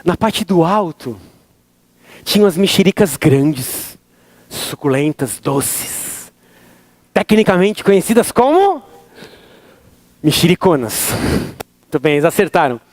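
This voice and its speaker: A man with a Brazilian accent giving a motivational talk, an animated storyteller who slows into dramatic pauses. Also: a little high, dry recording. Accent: Brazilian Portuguese. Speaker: motivational speaker.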